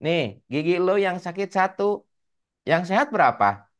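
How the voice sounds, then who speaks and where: A man's voice: sits high, very animated, a little slow, clear, resonant tone, pitched above the performer's own voice. Man playing a coaxing, questioning religious teacher.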